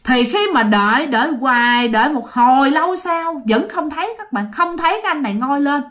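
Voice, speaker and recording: A woman's voice: sits high, animated, fairly quick, a bit bright. A woman narrating a ghost story in a chatty way, often addressing her listeners directly.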